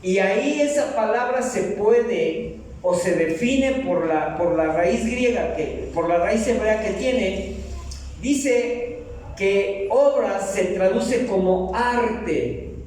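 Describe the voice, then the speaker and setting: A man's voice: high voice, slow, darkish tone, far from the mic, slight background noise. A middle-aged man preaching a sermon in a church, joking and asking the congregation questions. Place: church hall. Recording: echoey hall, mic from afar.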